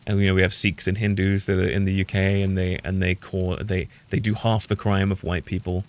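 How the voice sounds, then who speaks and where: A British man streams a game, his low voice flat and fairly quick as he rambles through opinionated commentary. He keeps trailing off and starting again in this casual gameplay talk.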